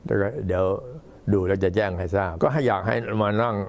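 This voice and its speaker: An old man, a Buddhist monk, giving an informal talk to temple visitors in an unhurried, halting way. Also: fairly low pitch, creaky. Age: older. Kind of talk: informal talk, recounting temple history and announcements.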